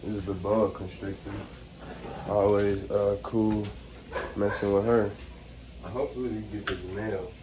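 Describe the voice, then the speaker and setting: A man's voice: on the low side, fairly even intonation, measured pace, long pauses. Slangy American man vlogging, noisy audio. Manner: informal, slangy, addresses viewers directly. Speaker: animal vlogger. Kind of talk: casual vlog chat to viewers. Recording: noisy on-location handheld vlog audio.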